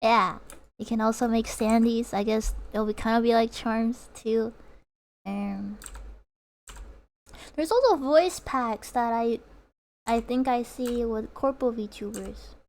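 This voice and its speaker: A young woman with a slightly mellow, high-ish voice chats casually with viewers while drawing on a livestream. She speaks slowly with long pauses, reads out chat messages and giggles often.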